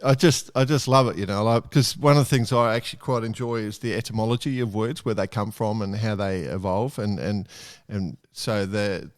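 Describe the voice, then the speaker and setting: A man's voice: on the low side, normal speed, hardly any pauses, no echo, studio quality. A man hosting a podcast, asking long rambling questions and teasing his guest. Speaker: podcast host. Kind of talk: casual chat.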